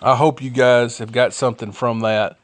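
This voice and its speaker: A man's voice: mid-range voice, little pitch movement, normal speed, no echo. A man giving an earnest, informal devotional talk, rambling and correcting himself as he shares his notes. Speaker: podcast host sharing devotional notes.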